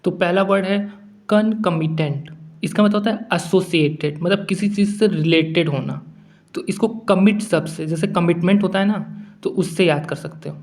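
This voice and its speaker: A man teaching English vocabulary in a relaxed, conversational way, mixing English words into his Hindi. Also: high voice, brisk, gravelly. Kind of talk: casual explanatory lesson.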